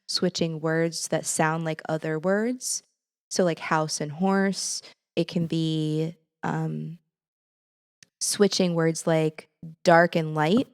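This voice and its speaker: A woman's voice: low-pitched, a little mellow, clean tone. A woman in her thirties co-hosting a podcast, chatting casually, thoughtful, often breaking into laughter. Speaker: podcast co-host. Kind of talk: casual chat.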